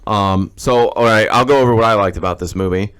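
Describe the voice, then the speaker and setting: A man's voice: fast, a bit bright, smooth. A young man hosting a casual movie-review podcast, sarcastic and joking. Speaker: podcast host. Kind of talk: casual chat. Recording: older lower-quality podcast audio.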